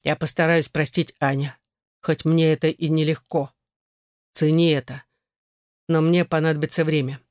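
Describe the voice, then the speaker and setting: A gruff, resentful husband in an audiobook, as the narrator reads him. He speaks at about the reader's own pitch. The recording is dry and close. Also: level tone, normal speed, long pauses, dry recording, natural voice. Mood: stern. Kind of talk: audiobook character voice.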